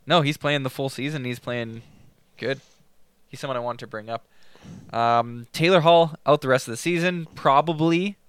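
A man's voice: medium pitch, normal speed, clear, resonant tone, no room sound. A man co-hosting a casual fantasy hockey talk, giving player updates in a matter-of-fact way. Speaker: fantasy hockey podcast co-host. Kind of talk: casual chat.

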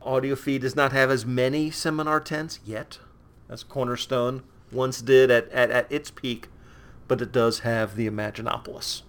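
A podcast co-host explaining things steadily, with a gravelly voice and frequent affirming murmurs. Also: medium pitch, fairly even intonation, moderate pace. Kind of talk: casual chat.

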